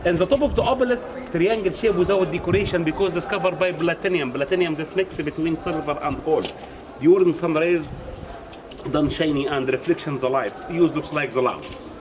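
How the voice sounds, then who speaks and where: A man's voice: on the high side, fairly quick. Male tour guide, broken English, echoey noisy temple. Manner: broken English, pointing things out. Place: inside an ancient stone temple. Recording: echoey with background noise.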